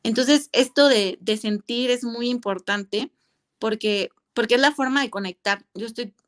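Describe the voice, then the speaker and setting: A woman's voice: fairly high pitch, a little slow, fairly bright tone. A woman, a mother talking candidly and reflectively in a casual interview, with many fillers and restarts. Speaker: guest mother.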